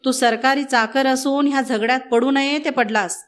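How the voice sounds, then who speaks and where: A woman's voice: high voice, fairly even intonation, moderate pace, a bit bright. A woman reading the part of a stern village elder giving a warning.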